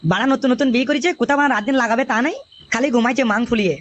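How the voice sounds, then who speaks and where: A woman voicing a hot-tempered, foul-mouthed young male son-in-law in a cartoon, grumbling and cursing rapidly. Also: fairly high pitch, slight background noise, close to an everyday voice. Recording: dull lo-fi audio.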